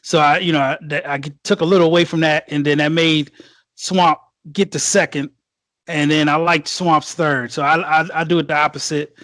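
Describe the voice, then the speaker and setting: A man with a fairly high voice speaks into a dry, close sound. He breaks down a battle in casual chat, hesitant and halting, and stops often to search for words. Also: steady tone, fairly bright tone, no room sound. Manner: hesitant, lots of fillers and restarts.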